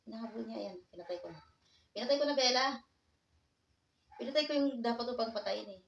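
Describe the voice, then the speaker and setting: A woman's voice: on the high side, lively intonation, fast talker, vocal fry, reverberant, recorded from a distance, lo-fi sound. A woman vlogging at home, talking playfully to her cat and laughing often. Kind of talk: casual vlog chat with her cat. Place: indoors at home, in a bedroom.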